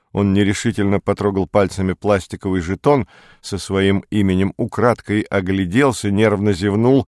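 A man narrating a story as an audiobook in an even, measured manner. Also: lowish voice, no echo, studio quality.

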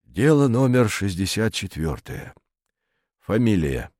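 A man voicing a tired, dull male commandant who speaks wearily and flatly. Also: fairly low pitch, slow pace, no room sound, clean studio sound, exaggerated voice. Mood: weary. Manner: weary, flat.

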